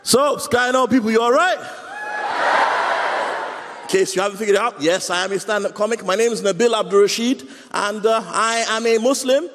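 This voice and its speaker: A man's voice: sits high, brisk, a loud crowd, very noisy. A man in his thirties with a South London accent, speaking as a stand-up comedian. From Croydon, South London. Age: 30s. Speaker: stand-up comedian, talent show contestant. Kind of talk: talking about himself and performing stand-up. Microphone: handheld stage mic in parts.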